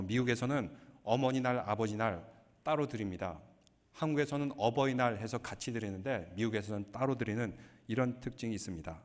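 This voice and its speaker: Guy pastor giving a joking sermon, mid pitch, long echo from a church hall. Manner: joking, lively storytelling. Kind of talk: sermon with humor. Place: church sanctuary.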